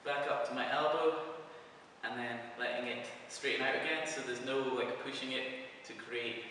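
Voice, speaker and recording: Demonstrating a prop-spinning move in a casual tutorial, a man talks loosely through each step. His voice is mid-range, steady and sharp at normal speed, captured by a distant mic in an echoey hall with slight hiss or hum.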